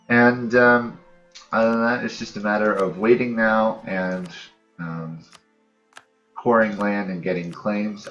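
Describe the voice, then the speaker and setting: A dull lo-fi mic captures a man's lowish, fairly bright voice over background music. He hosts a gaming let's play, offering casual, unscripted commentary and musing aloud in a hesitant way, his thoughts trailing off.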